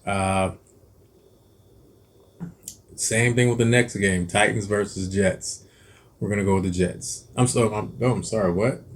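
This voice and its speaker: A man's voice: on the low side, fairly even intonation, unhurried, pauses often, a little hiss or hum. A man hosting a cooking channel, chatting casually through football picks with lots of ums, restarts and self-corrections. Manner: rambling, hesitant, many ums and self-corrections. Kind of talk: casual football picks chat while eating.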